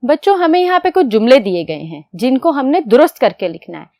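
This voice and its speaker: High-pitched woman teaching children. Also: big pitch swings, mellow, no room sound. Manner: patient, explains step by step, asks questions and answers them; dictates slowly while writing. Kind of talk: classroom lecture to children.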